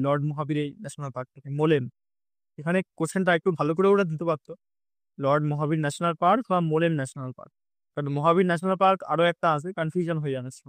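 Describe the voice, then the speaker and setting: A man's voice: fairly high pitch, dry recording. A man teaching an exam-prep lesson, rattling off memory lists and checking in with his students again and again. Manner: drilling, repeats lists at speed with frequent "ঠিক আছে?" checks. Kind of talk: recorded online lesson.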